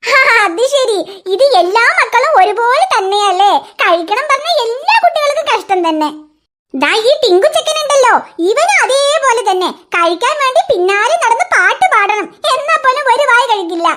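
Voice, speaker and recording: A woman's voice: very high voice, lively intonation, normal speed, fairly bright tone. A performer voicing a talkative neighbor mother in a cartoon, who rambles and chatters at length. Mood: chatty. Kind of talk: cartoon voice acting.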